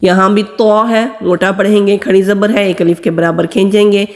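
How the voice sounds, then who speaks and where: A woman's voice: medium pitch, fairly even intonation. A woman teaching Quran reading, patiently explaining how each letter is pronounced and drawing out the sounds as she recites them. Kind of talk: step-by-step recitation lesson. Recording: long hall reverb.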